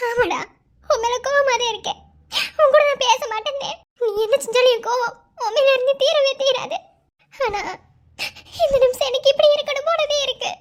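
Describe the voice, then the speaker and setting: A woman voicing a sharp-tongued young village wife in a cartoon, with a Madurai Tamil accent and a mocking, laughing way of talking. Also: very high voice, fairly even intonation, normal speed. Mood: tearful. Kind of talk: cartoon voice acting.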